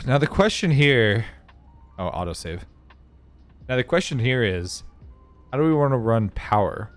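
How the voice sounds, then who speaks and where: A man's voice: medium pitch, sing-song, unhurried, pauses often, soft background music. A man chatting casually with his viewers during a live game stream, rambling and thinking aloud as he plays. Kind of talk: casual live-stream chat while gaming.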